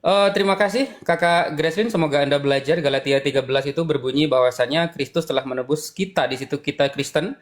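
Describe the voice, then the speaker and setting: A man with an Indonesian accent, a panelist on a debate call, speaking in a calm, measured way. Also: a little high. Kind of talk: casual debate talk on a call.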